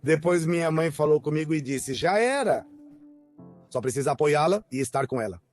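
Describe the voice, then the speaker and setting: A man's voice: medium pitch, a little mellow. A young man recalling his family in an earnest, reflective documentary testimony. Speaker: brother interviewed.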